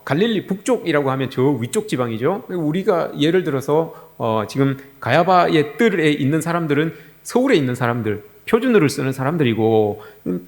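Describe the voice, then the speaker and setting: A gravelly male pastor preaching in a fairly high voice. His pitch swings widely as he acts out the dialogue in his sermon, rising and dropping in turn. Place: church sanctuary.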